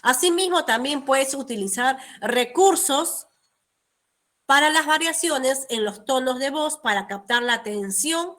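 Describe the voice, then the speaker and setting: A woman's voice: high voice, expressive, unhurried, a bit bright. A young adult woman teaching a class, explaining step by step and often checking in with tag questions. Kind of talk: online class lecture.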